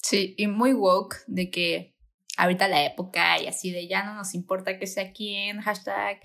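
A woman's voice: mid-range voice, measured pace, creaky. Laid-back woman mixing in slang. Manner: relaxed, mixes in English slang. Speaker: podcast co-host. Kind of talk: casual chat.

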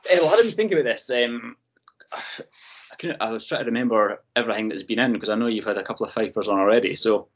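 A man's voice: mid-range voice, fast talker, lo-fi sound. A man with a Fife Scottish accent chatting casually as a podcast guest, hesitant and often correcting himself. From Fife, Scotland. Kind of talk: casual chat.

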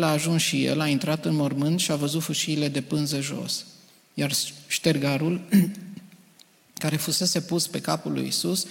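A man, a preacher, reading scripture aloud to a congregation in a measured, earnest way. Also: a little high, gravelly. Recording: reverberant hall.

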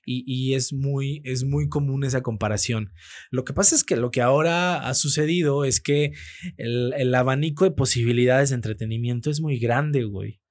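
Slangy, animated Mexican man. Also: mid-range voice, moderate pace, dry recording. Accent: Mexican Spanish. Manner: slangy, animated anecdotes, frequent fillers. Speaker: radio producer and host, guest. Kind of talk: casual podcast chat, storytelling.

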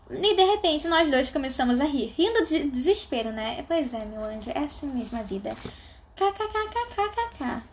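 A young woman with a high voice reads a novel aloud in a relaxed, offhand way. She keeps interrupting herself with dry, slangy sarcastic remarks before picking the story back up. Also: a little hiss or hum. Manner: sarcastic, slangy asides between read passages. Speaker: reader. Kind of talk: casual read-aloud of a novel with asides.

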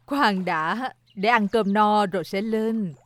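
A woman voicing a kind, wealthy lady who speaks gently and like a mother. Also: medium pitch, takes it slowly, no room sound. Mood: kindly.

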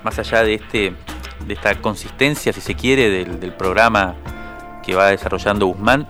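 Low-voiced man giving chatty commentary. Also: fairly bright tone. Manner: conversational, hesitant with fillers and restarts. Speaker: journalist and radio co-host. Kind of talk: casual political commentary.

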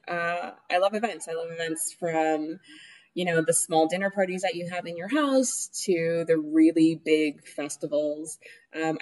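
In a rough recording, a low-pitched young woman from New York City talks casually in an interview, relaxed, laughing often and filling gaps with lots of fillers.

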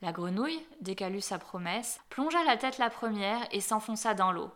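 A woman reading a fairy tale aloud as storyteller, gentle and dropping softly at the ends of phrases. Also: medium pitch, animated, moderate pace.

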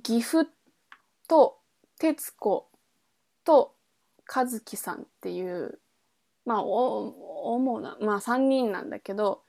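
Slow and animated, a woman with a slightly high, warm voice talks with vocal fry and frequent pauses. She's a podcast host introducing a book, explaining the novel in a casual chat, thinking aloud and correcting herself.

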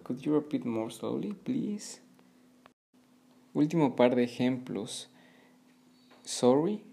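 A man hosting a podcast language lesson, patiently repeating English phrases slowly for beginners. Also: medium pitch, vocal fry, warm tone. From Mexico. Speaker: podcast host and English teacher.

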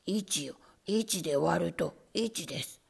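A woman voicing a nervous, pompous little male rat teacher in a storybook, speaking low, slow and stammering. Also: gravelly, slightly rough, full character voice. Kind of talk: storybook reading.

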